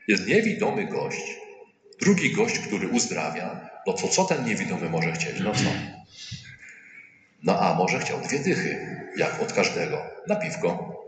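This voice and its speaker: Priest guy giving a sermon, chatty and funny, deep voice, churchy reverb, faint room noise. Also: a bit bright. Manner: colloquial and humorous, acts out quoted voices. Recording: echoey church hall with faint ambience.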